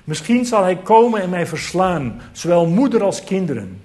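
A man's voice: high-pitched, very animated, normal speed, a little mellow. A man preaching a sermon, earnest and emphatic, repeating key phrases for weight.

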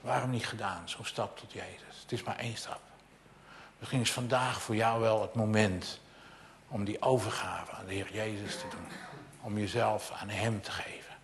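Man preaching, lowish voice, goes big and loud then drops to a whisper, talks right at you. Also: fairly even intonation, moderate pace. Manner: swings between loud proclamation and near-whisper; direct, personal appeals to listeners. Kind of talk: sermon.

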